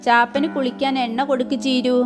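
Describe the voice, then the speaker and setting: A woman voicing an older matriarch in a spoken storybook, commanding yet gentle, voice raised a little. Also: high-pitched, flat delivery, fairly quick, faint music behind, voice pushed up, close to an everyday voice. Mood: reassuring. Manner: commanding, reassuring. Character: older matriarch of a noble household, firm but kindly.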